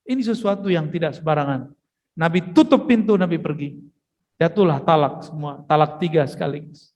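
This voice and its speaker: A man's voice: on the high side, fairly quick, darkish tone, in a large hall, muffled recording. A man giving a religious study lecture, telling stories with casual, joking asides to his listeners. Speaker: preacher giving a mosque study session. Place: mosque hall.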